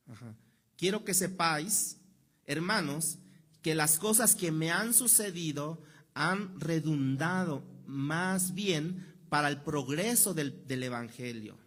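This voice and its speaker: A man's voice: high-pitched, a bit bright. Mexican man preaching in a conversational tone. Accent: Mexican Spanish. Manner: conversational preaching, rhetorical questions, acts out quoted voices. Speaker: pastor. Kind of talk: sermon. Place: church hall.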